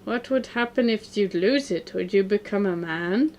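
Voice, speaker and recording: A woman reading a deadpan, odd teenage girl. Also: medium pitch, normal speed, a little hiss or hum, lightly acted.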